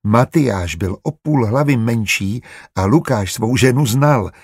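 Husky male audiobook narrator. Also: mid-range voice, expressive, a little mellow, no room sound, clean studio sound.

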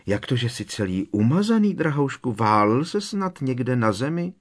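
A man voicing a shrill, fussing aunt who coos and frets over her son in a high, frantic voice. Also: sing-song. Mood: fretting.

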